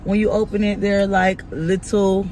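A woman's voice: mid-range voice, flat delivery, unhurried. A woman with an American accent chatting casually and colloquially with her children as she hosts a family candy review inside a car. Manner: colloquial, playful, talking to her children in the back seat. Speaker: mother and vlog host. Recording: loud car noise and ambience.

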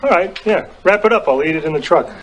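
A man's voice: on the high side, animated, very slow, highs cut off, full character voice. An actor with an American accent playing an oblivious, easygoing handyman in a TV drama scene, talking in an offhand, clueless way.

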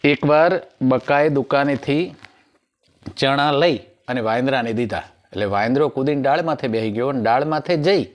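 A male comedian, telling jokes in a rustic storyteller manner and acting out each character. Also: medium pitch. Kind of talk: stand-up joke telling.

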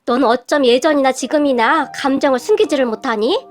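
A woman's voice: high voice, fairly quick, lightly acted. A woman voicing a greedy, sneering middle-aged aunt in a story reading, with a mocking, taunting manner.

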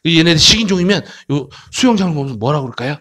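A man who teaches English to kids. He sounds playful and fond of jokes, and his voice sits high and swings widely in pitch. He breaks up slow English phrases with quick explanations. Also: animated, sharp tone. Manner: playful, jokey, switches between Korean explanation and slow English. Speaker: English tutor. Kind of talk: animated English lesson for children.

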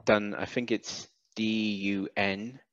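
Indoors on a video call with a headset, the cap business founder, a British man in his thirties brought up in Wales, speaks in a voice on the low side. He chats casually as a guest, halting often with fillers and restarts, in dull, dry video-call audio.

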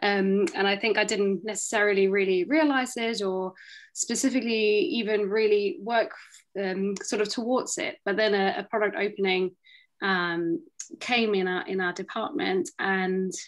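A woman speaking as a panelist over a video call, thoughtful and hesitant, with many pauses and restarts. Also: medium pitch, fairly even intonation, rough recording. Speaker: panelist, product director. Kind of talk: panel answer, casual. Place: home room, indoors.

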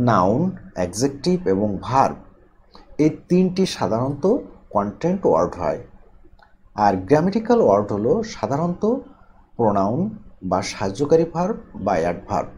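A male English teacher explains grammar rules at a measured, careful pace. His voice is mellow and warm, with a lively, rising and falling pitch, and he lifts key terms before listing examples one by one. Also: slight background noise. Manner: slow, deliberate, stresses key terms, reads out example words one by one. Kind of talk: instructional explanation.

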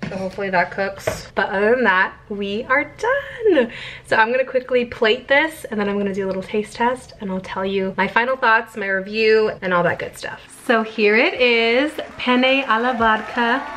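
A woman's voice: a little high, lively intonation, normal speed, fairly bright tone, slight background noise, low-quality recording. A young woman in her twenties chatting casually through a home cooking vlog, laid-back and giggly. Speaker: vlogger. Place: home kitchen. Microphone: camera set in the microwave.

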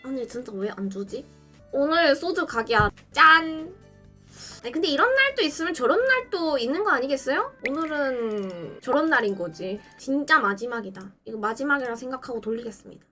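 A synthetic woman's voice narrates gameplay in a high, very lively way, bursting into dramatic pleas and cheers. Its tone is bright and sharp. Faint music plays behind it. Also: normal speed. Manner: excitable, dramatic outbursts and pleading. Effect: text-to-speech voice. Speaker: game streamer. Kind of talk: gameplay commentary.

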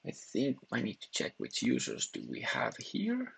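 A man narrating a screen-recorded software tutorial, talking haltingly with frequent restarts and fillers as he clicks through. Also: medium pitch, huge pitch swings, creaky, slightly rough.

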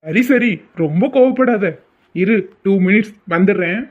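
A woman's voice: medium pitch, expressive, moderate pace, narrow, tinny audio, voice pushed down, close to an everyday voice. A woman voicing a reluctant, pleading young man in a cartoon story.

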